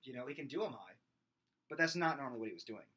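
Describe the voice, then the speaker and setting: Talking fast and expressively, a man in his thirties with a small, nasal, slightly whiny voice teaches singing to his webcam from a room at home. He gestures with his hands and belts out high screams as examples. Heavy background noise sits under the desk-distance webcam audio.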